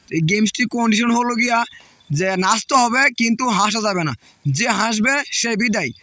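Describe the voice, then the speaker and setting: A man's voice: sits high, a little fast, no echo. A man hosting a casual comedy vlog game, bossily calling time and sending players off. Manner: bossy, keeps shouting at players to move on. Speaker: game host.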